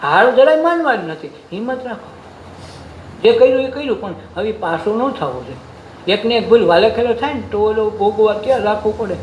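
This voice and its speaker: A man's voice: high-pitched, animated, moderate pace. A man with a Gujarati accent giving a devotional sermon, folksy, asking questions and answering them himself. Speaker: satsang preacher. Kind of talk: devotional sermon with sung verses. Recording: echoey room with faint noise.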